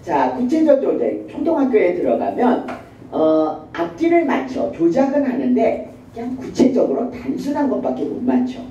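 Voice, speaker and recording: A woman professor lectures with a lively, swooping delivery and a deep, mellow tone. Her examples spring to life as she acts out the people in them. She is recorded from across a very echoey classroom, dull and lo-fi, with faint room noise. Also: moderate pace, far from the mic. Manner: animated, acts out children and mothers. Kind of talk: university lecture.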